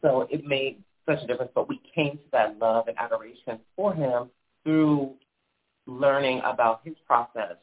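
A man, a guest in a casual interview, speaking in an animated way. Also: medium pitch, normal speed. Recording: tinny phone-like line.

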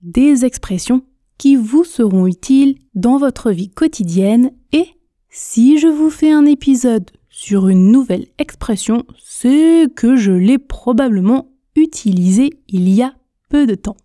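A woman hosting a French lesson podcast, calmly guiding listeners through pronunciation drills and repeating phrases patiently. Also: a little high, measured pace, no room sound, clean studio sound. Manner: calm, patient, counts learners in and repeats phrases. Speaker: French teacher, podcast host. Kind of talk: pronunciation lesson, slow and articulated.

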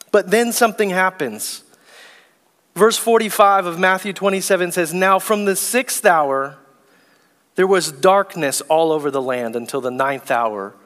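High-voiced male pastor in echoing church. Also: bright, forceful tone. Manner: slow, deliberate preaching, reads scripture aloud. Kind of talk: sermon. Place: church sanctuary.

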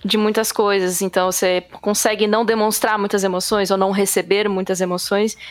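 A woman in a casual group chat, measured with dry humor. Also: mid-range voice, flat delivery, dry recording.

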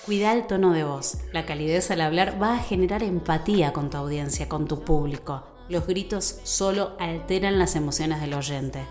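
Argentine woman announcer, low voice. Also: darkish tone. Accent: Argentine Spanish. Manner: measured, emphatic, teacherly. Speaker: radio announcer and podcast host. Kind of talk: instructional podcast talk. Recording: roomy echo with faint music.

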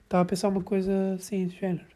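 A man's voice: high-pitched, completely flat delivery, very fast, warm tone, a little hiss or hum. A young man with a European Portuguese accent, co-hosting a podcast in casual, teasing, slangy banter. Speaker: podcast co-host with his mother.

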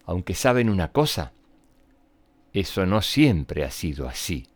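A man's voice: sits low, sing-song, measured pace, no echo, voice pushed down, full character voice. A man voicing a patient female schoolteacher who questions and explains, in a children's story. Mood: patient, questioning. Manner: questioning, instructive. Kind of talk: storybook character reading.

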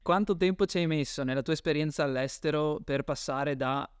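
A man's voice: a little high, a little fast, smooth, dry recording, clean studio sound. A man co-hosting a podcast, asking a question and adding short joking remarks.

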